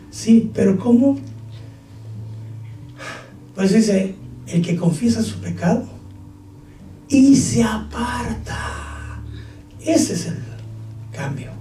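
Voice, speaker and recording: A man preaching a sermon, acting out dialogue and breaking into shouted bursts. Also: high voice, animated, takes it slowly, pauses often. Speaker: pastor. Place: church hall. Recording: echoey hall, distant mic, faint noise.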